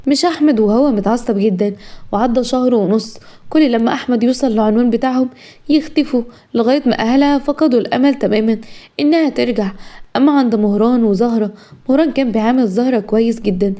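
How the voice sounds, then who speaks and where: An Egyptian woman narrating a dramatic story in a brisk storytelling manner. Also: on the high side, dark tone.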